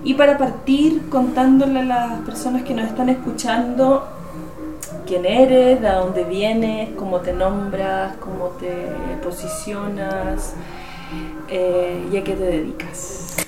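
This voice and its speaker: A woman's voice: mid-range voice, steady tone. Radio interviewer woman, distant and roomy. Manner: measured, listing questions one by one. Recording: roomy, distant mic with music.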